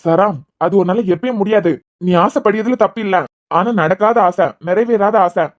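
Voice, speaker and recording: A woman's voice: medium pitch, moderate pace, natural voice. A woman voicing a caring adult elder brother in a cartoon series, speaking in a soothing, tender way with a Kanyakumari Tamil accent. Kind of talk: cartoon web series voice acting.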